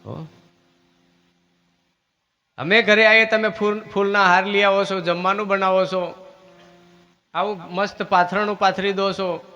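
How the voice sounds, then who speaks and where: A man's voice: high-pitched, fairly even intonation, unhurried, long pauses, bright, forceful tone, lo-fi sound. A man giving a village sermon, asking his listeners questions and teaching. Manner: preachy, asks listeners questions. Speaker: religious teacher. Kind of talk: village sermon with devotional singing.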